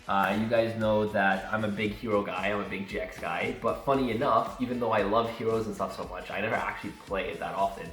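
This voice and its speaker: Fast-talking man in an echoey basement. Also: fairly low pitch, faint music behind. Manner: excited, quick explaining. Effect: echoey basement reverb. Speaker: guest card player. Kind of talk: casual deck breakdown. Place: home basement, indoors. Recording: roomy basement echo.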